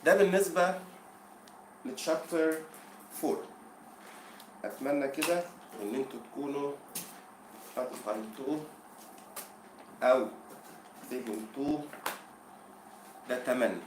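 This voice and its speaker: A man with an Egyptian Arabic accent teaching English for an exam, explaining in Arabic between slow English quotes and asking the class questions. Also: mid-range voice, roomy sound, background noise. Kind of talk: exam-prep lesson.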